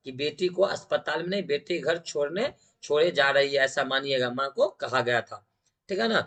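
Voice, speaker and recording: Bright-voiced Bihari Hindi teacher. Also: male voice, a little high, creaky. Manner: repeats each answer as a question to the viewers. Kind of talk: exam question walkthrough.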